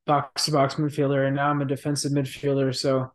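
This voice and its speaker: This casual interview features a thirtysomething pro midfielder who speaks gently and reflectively, stumbling through fillers and restarts. His mid-range voice is monotone and a little fast.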